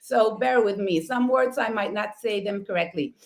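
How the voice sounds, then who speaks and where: Her pitch is medium and her pace moderate: a middle-aged woman from Mexico, Spanish-speaking by birth, with a Mexican accent. As a florist who co-hosts a talk show, she tells her story eagerly, laughing often and reworking her phrasing with "I mean."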